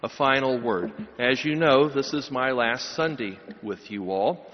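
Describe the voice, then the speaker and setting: A middle-aged man preaches at a pulpit microphone with emphatic delivery, pushing key phrases upward. His voice rings through a large church with a long, lingering reverb. The sound is a little dull and muffled. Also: medium pitch. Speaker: pastor. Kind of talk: sermon and blessing.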